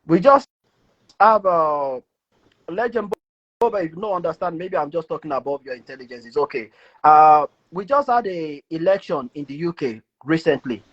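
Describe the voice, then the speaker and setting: A man's voice: fairly high pitch, moderate pace. Exasperated Nigerian man, muffled stream. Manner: animated, exasperated, repeats himself. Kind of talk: heated live debate. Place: living in the UK. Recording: muffled lo-fi live stream audio.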